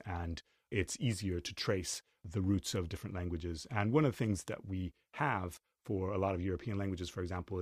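Deep-voiced man, measured and academic. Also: no room sound, clean studio sound. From Chile. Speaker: linguist, interviewee. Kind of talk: explanatory interview answers.

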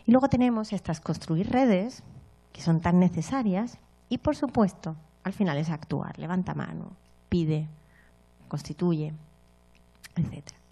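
Her voice is fairly low and a little rough, and she talks somewhat slowly with frequent pauses. Addressing an audience in a motivational talk, she weaves in stories, keeps asking quick tag questions, and brings scenes to life by acting them out.

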